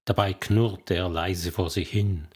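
A man narrating an audiobook novel in a measured, even storytelling manner. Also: sits low, breathy edge. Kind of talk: scripted narration.

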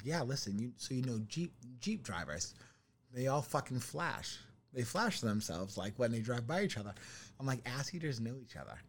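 Animated, crude-talking man. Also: mid-range voice. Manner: animated, swearing, laughs often. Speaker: podcast co-host. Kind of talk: crude casual banter.

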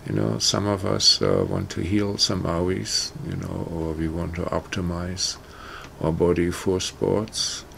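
A man introducing a guided meditation in a casual, halting way, full of "you know" and "uh". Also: low-pitched, creaky, a bit bright, slight background noise. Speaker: meditation teacher. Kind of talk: casual spoken talk.

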